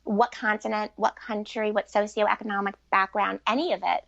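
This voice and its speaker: At a normal speed and a steady tone, a middle-aged woman answers podcast interview questions earnestly, reflectively and informally. She is a relationship author and coach with a mid-range, gravelly, slightly bright voice. The dry recording has a dull, lo-fi quality.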